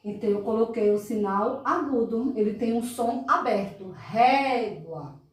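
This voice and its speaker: A Brazilian woman teaching children in a recorded lesson, stretching out words and checking in often. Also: a little high. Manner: drawn-out, emphatic enunciation of words, frequent "tá?" checks. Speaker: primary school teacher. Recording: echoey room, mic far off.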